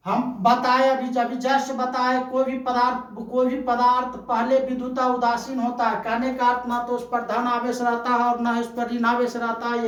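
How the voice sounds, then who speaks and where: A woman teaching a physics lesson in a drilling, repetitive way, asking a question and then supplying the answer herself. Her voice sits high with little rise and fall. The sound carries a noticeable room echo. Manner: repetitive, emphatic explaining. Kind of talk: Hindi-medium classroom lecture.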